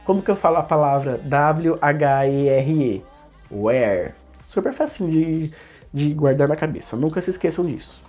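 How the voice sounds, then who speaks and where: A man's voice: a little high, moderate pace, darkish tone, faint music behind. A man giving a casual online English lesson, explaining in a rambling way and often correcting himself mid-sentence.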